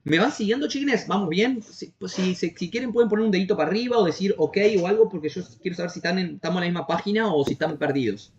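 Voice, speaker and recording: A man's voice: high-pitched, quick pace, hardly any pauses. A man with a Uruguayan accent teaching an online class, explaining step by step and often checking that his students are following. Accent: Uruguayan Spanish. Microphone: video call. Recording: dull lo-fi video call audio.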